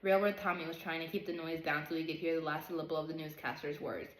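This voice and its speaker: A woman's voice: low-pitched, fairly even intonation, quick pace, a little hiss or hum. A woman reading a novel aloud carefully, sometimes stumbling on hard words. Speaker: reader. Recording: roomy echo.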